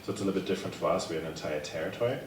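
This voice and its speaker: A German man with a German accent, leader of a table tennis program, gives a conference presentation, telling stories in a casual, upbeat way and answering questions. His low-pitched voice moves very fast. The conference room recording is echoey, distant and noisy.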